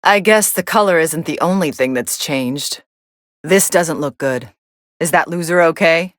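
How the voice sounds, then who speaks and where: An actress playing a cool, sardonic young female android, commentating on fights in a video game with a deadpan, dismissive delivery. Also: deep voice, a little slow, no room sound, studio quality. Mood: dry, unimpressed.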